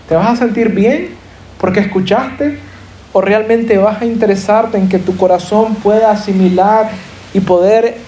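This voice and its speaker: A man preaches in a high, mellow voice, pressing his listeners with rhetorical questions. His sermon rings around a roomy church hall with a faint hum behind it. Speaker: pastor.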